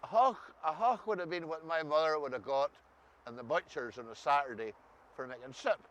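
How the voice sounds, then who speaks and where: A man's voice: on the high side, brisk, fairly bright tone, muffled recording. A man with an Ulster Scots accent from Northern Ireland, chatting as a co-host and explaining dialect words in a wry, anecdotal way.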